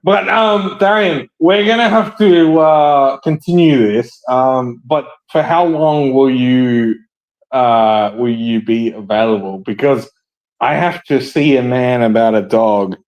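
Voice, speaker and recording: A man's voice: mid-range voice, slow pace, darkish tone, muffled recording. A man hosting a casual podcast chat, rambling and hesitant with many fillers and frequent laughs. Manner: laughs often. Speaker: podcast host.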